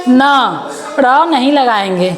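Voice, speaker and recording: A woman's voice: sits high, animated, slow pace. A woman teaching a grammar lesson to children, patiently repeating words and asking them questions.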